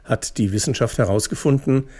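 A male radio host presenting scripted satire. His voice is mellow and dark, and his delivery is wry and deadpan. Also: medium pitch, fairly quick, breathy edge.

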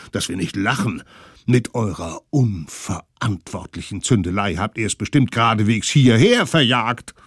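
A man voicing a bunch of excited, boastful little stone-age children who shout and chant in a children's radio story. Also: on the high side, dry recording, clean studio sound, pitched above the performer's own voice.

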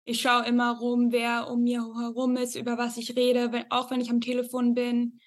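Woman, 20s, from Zurich, earnest testimony, high and flat voice. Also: moderate pace. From Zurich, Switzerland. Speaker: student, interviewee. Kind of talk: personal testimony in an interview.

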